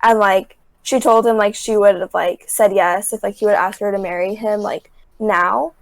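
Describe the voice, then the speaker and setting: A woman's voice: medium pitch, steady tone, normal speed, creaky, dry recording, low-quality recording. A young adult woman as a podcast guest, casually retelling scenes from a show with constant filler words. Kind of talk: casual chat.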